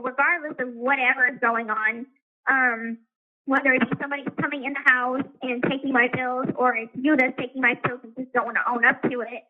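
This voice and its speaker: A woman speaking from a prison payphone call, talking in a hesitant, rambling way with many fillers. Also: high-pitched. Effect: prison payphone call over a tinny phone line. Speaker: inmate calling from a correctional facility. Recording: tinny phone line.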